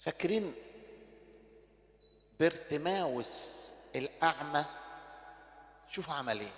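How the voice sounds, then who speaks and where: A male bishop preaching an impassioned sermon with an Egyptian Arabic accent, moving between loud exhortation and hushed pleading. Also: fairly high pitch, animated, measured pace. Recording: echoey church hall.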